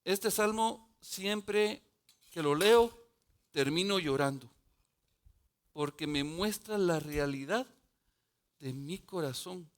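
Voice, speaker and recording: A man preaching a sermon as pastor, slow and emphatic, rising to fervent passages. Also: high voice. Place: church sanctuary.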